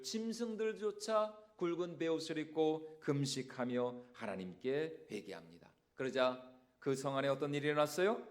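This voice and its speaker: Male pastor at the pulpit, higher-pitched voice, lively Sunday sermon delivery. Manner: animated, asks the congregation rhetorical questions. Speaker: senior pastor. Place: church sanctuary.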